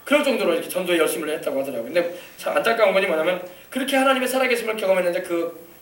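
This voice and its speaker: A male pastor tells a story from the pulpit at a quick clip, his voice pitched high. He acts out the people he quotes and swells into loud hallelujahs. The sound is roomy and echoing, as if the mic is some distance away in a church. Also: animated. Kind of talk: sermon. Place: church sanctuary.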